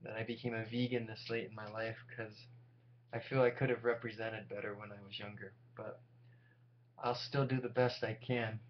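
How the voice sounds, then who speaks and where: A man's voice: on the low side, flat delivery, moderate pace. A tired, sleep-deprived man in his forties talking casually and candidly to viewers in a rambling, self-deprecating monologue. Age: 40s. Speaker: vlogger. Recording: dull lo-fi audio with loud hum.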